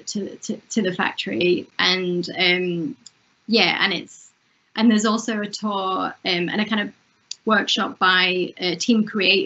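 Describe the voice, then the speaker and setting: A woman's voice: medium pitch, pushed and bright. A woman festival director answering interview questions over a video call from a room at home, hesitant with many fillers and restarts. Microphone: wired earphone mic on video call. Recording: muffled video call audio.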